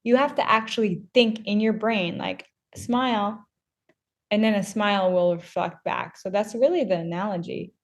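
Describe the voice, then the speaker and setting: A woman co-hosting a wellness podcast, talking in an animated, emphatic way and filling her speech with "like". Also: mid-range voice, normal speed, few pauses. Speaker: podcast co-host. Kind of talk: casual podcast chat.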